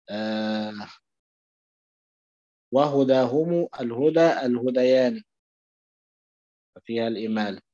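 A man's voice: mid-range voice, mellow, dry recording, dull audio. A man with an Egyptian Arabic accent explains a lesson, asking questions and answering them himself. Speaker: teacher.

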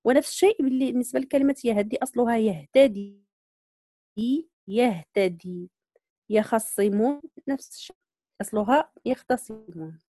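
A woman teaching Quran recitation, patiently explaining readings, slowly modeling words and checking that students follow. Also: on the high side, warm tone, no room sound, studio quality. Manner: patient, repeats points and checks understanding. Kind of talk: online tajweed lesson.

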